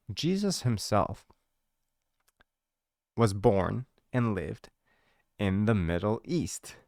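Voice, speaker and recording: A man talks to camera in a casual, explanatory way, slowing down to lean on important words. His voice sits fairly low. The sound is dry and close, with no room around it. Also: no room sound. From United States. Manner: chatty, explanatory, drawn-out emphasis on key words. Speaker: host explaining his church's history. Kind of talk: casual educational talk to camera.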